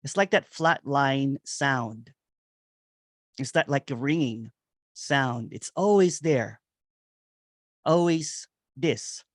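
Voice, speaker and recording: A man speaks unhurriedly about nonduality in a meditative, repetitive manner, with soft chuckles now and then. His voice sits at a middle pitch, and the sound is close and dry. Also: slow, pauses often, no echo. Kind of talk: slow spoken spiritual reflection.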